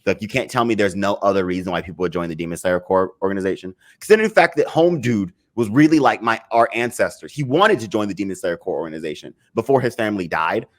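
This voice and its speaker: Deep-voiced man ranting casually. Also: lively intonation, quick pace, few pauses. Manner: rambling, restarts often, swears, laughs in frustration. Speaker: podcast co-host. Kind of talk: casual chat.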